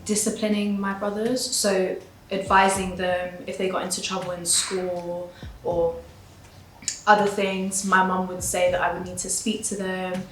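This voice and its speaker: A woman in her early twenties, a student, answering documentary interview questions in a measured, composed way. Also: lowish voice, level tone, a bit bright. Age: early 20s. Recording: echoey room with faint noise.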